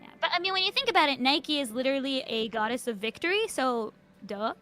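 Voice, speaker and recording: Excitable, high-voiced woman streamer with music behind. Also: a little fast. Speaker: streamer co-reading a game story aloud. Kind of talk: casual livestream banter and read-aloud.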